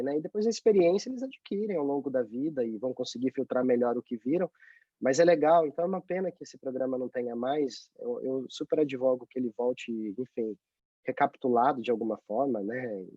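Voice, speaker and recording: A man's voice: medium pitch, fairly quick, dry recording. A man with a Brazilian Portuguese accent, a guest talking casually and animatedly in an interview over a video call. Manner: chatty, tag questions, animated. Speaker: guest, journalist abroad. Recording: dry, dull lo-fi call audio.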